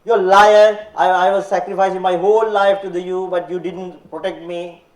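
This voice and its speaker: A man voicing an angry old grandmother in her late seventies who scolds in a shrill, reproachful way, with a Sri Lankan accent. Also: level tone, measured pace, warm tone, lightly acted. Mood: furious. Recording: roomy hall, voice far from mic.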